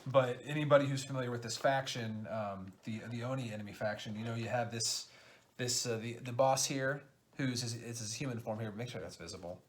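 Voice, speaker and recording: Excitable man unboxing a game. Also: medium pitch, a little hiss or hum. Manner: excited, halting with fillers. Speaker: game designer. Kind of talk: casual unboxing chat.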